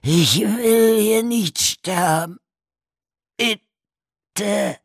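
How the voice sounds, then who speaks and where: A man voicing a terrified man buried alive, pleading in a rough, desperate, high wailing voice. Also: very slow, dry recording, clean studio sound, heavily acted. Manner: high, wailing, sobbing pleas.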